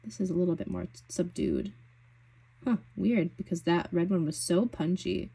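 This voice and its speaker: A young woman vlogging about beauty products in a casual, gushing, chatty way, full of fillers and excitement. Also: lowish voice, moderate pace, creaky, slightly rough. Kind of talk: casual product swatching chat.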